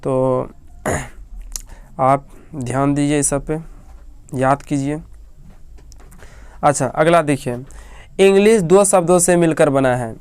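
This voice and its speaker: A man's voice: fairly high pitch, slow, long pauses, a little mellow, clear, resonant tone, no echo. A man with an Indian accent teaching an English grammar lesson, asking questions and answering them himself, repeating each key fact. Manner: asks and answers his own questions, repeating key facts. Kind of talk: spoken classroom lesson.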